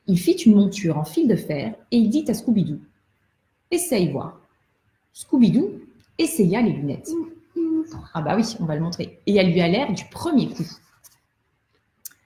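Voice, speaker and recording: A woman's voice: mid-range voice, warm tone. Woman reading a storybook aloud. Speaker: storyteller for children. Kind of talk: reading a children's book aloud. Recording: roomy echo.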